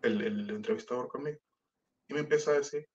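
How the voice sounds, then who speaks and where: Talking fast in a mid-range voice, this man recounts his life as a musician in a Mexican Spanish accent. His telling is slangy and animated, and he performs the quoted voices of others. The sound is lo-fi.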